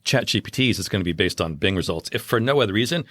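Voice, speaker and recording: A man's voice: lowish voice, expressive, quick pace, fairly bright tone, no echo. A man co-hosting a podcast, explaining things in a confident, opinionated, casual way. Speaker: podcast co-host.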